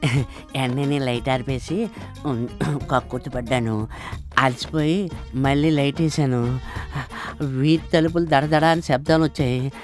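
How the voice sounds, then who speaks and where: A man's voice: mid-range voice, steady tone, measured pace, long pauses, faint music behind, lightly acted. An actor playing a henpecked office clerk who ruefully tells how he was tricked into marriage. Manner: rueful storytelling. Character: henpecked office clerk telling his sorry tale.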